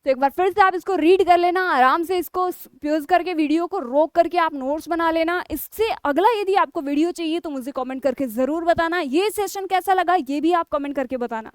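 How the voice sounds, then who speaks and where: A woman with a very high voice teaches an exam-prep grammar class. She keeps putting questions to her students and answering them herself. The sound is close and dry, with no room echo. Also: normal speed, hardly any pauses.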